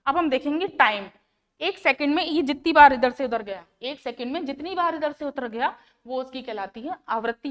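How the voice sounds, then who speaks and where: High-voiced woman teaching a science lesson. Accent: Hindi, North Indian. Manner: asks questions then answers them herself, repeating key terms. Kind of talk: classroom lesson explaining to children.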